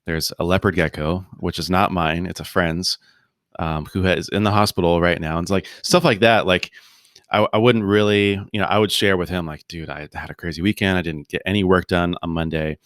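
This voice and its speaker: A man talking casually as a podcast guest over a video call, relaxed and rambling, full of fillers and restarts. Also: low voice, brisk, no room sound, studio quality. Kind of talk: casual interview conversation.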